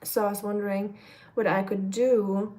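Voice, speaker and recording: In a mid-range, mellow, slightly nasal voice, a young German woman talks casually while cooking live, rambling with lots of fillers and reading chat comments aloud. She keeps a level tone at normal speed.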